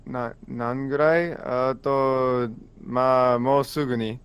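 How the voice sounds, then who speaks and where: A man with a smooth, resonant voice explains Japanese phrases step by step on a casual stream. He speaks at an ordinary pitch and takes his time to find the right words. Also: fairly even intonation, unhurried, muffled recording. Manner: patient and explanatory. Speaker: Japanese tutor.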